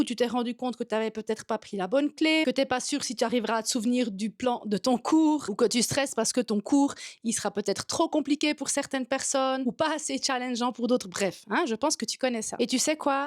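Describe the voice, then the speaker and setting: Talking straight to her viewers, a Swiss French-accented woman vlogs in a bright, high voice. She works as a yoga teacher and content coach and keeps things lively, informal and to the point, recorded close up with barely any room sound.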